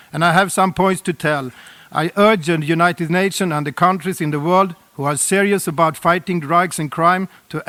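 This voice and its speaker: A man's voice: fairly high pitch, a bit bright. Earnest middle-aged Swedish-accented man. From Sweden. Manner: earnest, deliberate, reading from notes with small slips. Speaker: speaker at a UN roundtable. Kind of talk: prepared formal address.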